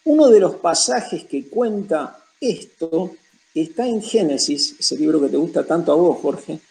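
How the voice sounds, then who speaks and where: High-voiced Argentine man teaching the Bible. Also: animated, unhurried, gravelly, a little mellow, poor audio. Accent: Rioplatense Argentine. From Buenos Aires province, Argentina. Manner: emphatic, lists points one after another.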